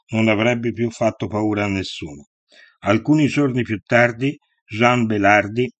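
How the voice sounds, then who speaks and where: A man narrating a historical account in a steady, measured storytelling manner. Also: lowish voice, no room sound.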